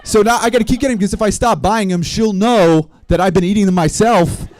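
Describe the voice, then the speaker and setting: A man doing a stand-up comedy set, telling rambling stories in a deadpan way. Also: high voice, a little fast. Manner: deadpan, rambling storytelling with small laughs. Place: live comedy stream venue.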